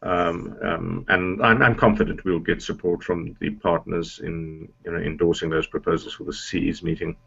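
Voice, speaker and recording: A low, gravelly man with a husky edge chairs a committee meeting over a conference call. He talks in a halting, measured way, full of fillers, and the lo-fi call audio sounds muffled. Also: level tone, fairly bright tone, faint music behind.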